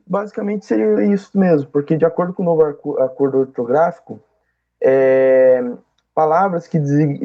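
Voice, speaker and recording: A man's voice: on the high side, dark tone, muffled recording. A man acting as an oral exam examiner, giving patient, explanatory feedback and checking often that he is understood.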